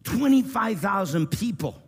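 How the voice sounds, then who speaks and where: A man preaching a sermon in English with small grammar slips. He swings between loud rousing calls and soft, close prayer. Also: big pitch swings, a little slow, slightly rough. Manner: shouting and rousing at high pitch, then dropping to a quiet, intimate tone.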